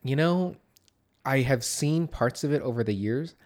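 A man's voice: medium pitch, expressive, a little slow, darkish tone. A man with a nasal voice chatting casually as the co-host of a movie podcast. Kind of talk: casual movie discussion, swearing.

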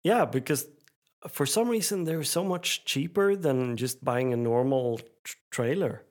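A man's voice: medium pitch, measured pace. A man co-hosting a podcast, telling a rambling story and acting out phone calls in a raised voice. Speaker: podcast co-host. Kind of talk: casual chat.

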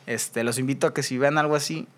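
A man's voice: medium pitch, steady tone, quick pace, a bit bright. A young man with a Mexican accent, co-hosting a casual podcast chat and telling a story animatedly, full of slang and swearing. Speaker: podcast co-host.

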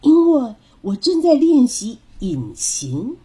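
Storybook: a bossy, playful young girl, put on by a woman, lively and breathy. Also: sits high, slow pace, pitched above the performer's own voice, full character voice. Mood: confident. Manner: bossy and teasing.

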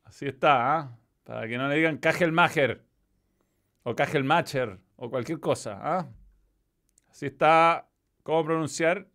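Hosting a football stream, a man with a Chilean accent reads chat messages in relaxed, freely swearing banter. His voice is a little high with vocal fry and a fairly bright tone, delivered at a moderate pace.

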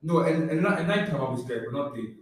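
A man's voice: fairly high pitch, quick pace. Young British man, laid-back slangy chat. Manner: relaxed, slangy, says bro. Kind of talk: casual chat. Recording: echoey room, far from mic.

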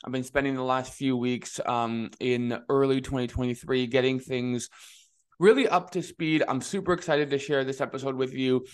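A man's voice: medium pitch, steady tone, moderate pace, smooth. A man hosting his own podcast as a money coach, talking eagerly and casually with a slight lisp and many fillers. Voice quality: slight lisp, slurred as if numbed.

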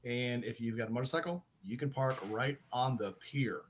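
A man's voice: mid-range voice, normal speed, a little hiss or hum. A middle-aged man hosting a casual podcast chat. He rambles, corrects himself mid-sentence and jokes. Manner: rambling, self-correcting, joking. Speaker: podcast host.

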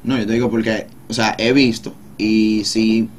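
A man's voice: lowish voice, level tone, moderate pace, slight background noise. A man, talking bluntly in slang during a casual group discussion and often checking that he is understood.

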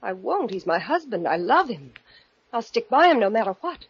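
A woman's voice: a little high, sing-song, normal speed, husky, dry recording, exaggerated voice. A woman playing a devoted, stubborn wife with earnest, melodramatic pleading in 1940s radio mystery style. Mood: tense, insistent. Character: devoted, stubborn young wife of a dangerous husband. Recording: muffled old-time radio recording.

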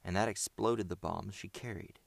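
A man's voice: lowish voice, normal speed, creaky, dry recording. A man doing Loomp, a matter-of-fact companion.

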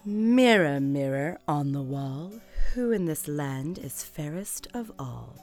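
A man's voice: on the high side, expressive, slow pace, over music, voice pushed up. A haughty vain queen, as a man puts her on. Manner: haughty, cold. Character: proud, vain, cruel queen, woman.

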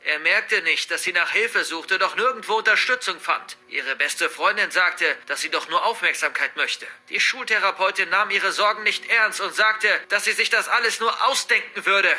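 A man voicing a masked, vengeful older father who mocks his captives and bursts into shouting. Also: high voice, normal speed, hardly any pauses, faint music behind, pitched above the performer's own voice, heavily acted. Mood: bitter. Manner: menacing, mocking, bursts into shouting.

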